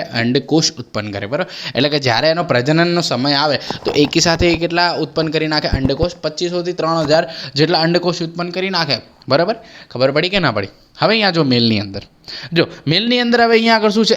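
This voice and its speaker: Gujarati-accented tutor quizzing himself aloud. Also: male voice, on the high side, a bit bright. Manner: asks questions and answers them himself, repeats key terms. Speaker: biology tutor. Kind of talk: exam-prep lesson.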